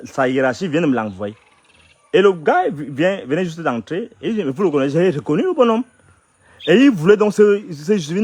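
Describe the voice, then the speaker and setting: Animated middle-aged Cameroonian man. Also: fairly high pitch, dry recording. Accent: Cameroonian French. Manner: swings between loud indignant and quiet asides. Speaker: interviewee. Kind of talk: animated storytelling.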